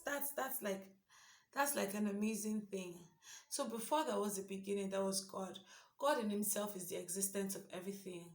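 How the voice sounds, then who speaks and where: A young woman sharing a casual devotional reflection, earnest and conversational, thinking aloud as she goes. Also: medium pitch. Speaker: devotional speaker. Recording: roomy echo.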